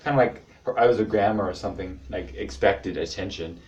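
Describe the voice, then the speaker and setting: A man in his twenties doing a rambling confessional stand-up to his camera, halting with many fillers and restarts. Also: low voice, steady tone, a little mellow, recorded from a distance, lo-fi sound. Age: 20s. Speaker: amateur stand-up comic. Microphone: camera mic.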